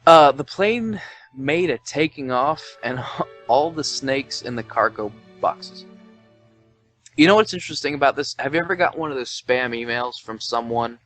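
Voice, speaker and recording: Recording indoors at home in Tennessee, this tipsy twenty-something podcaster has a medium-pitched, somewhat bright voice with lively intonation and a moderate pace. Faint music plays as he rambles, curses, and reads passages aloud with mocking quotation.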